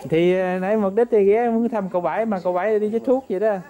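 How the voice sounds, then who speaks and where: A woman's voice: medium pitch, steady tone, fast talker, warm tone. A woman, a visiting relative making polite, chatty conversation with lots of questions. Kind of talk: casual family chat.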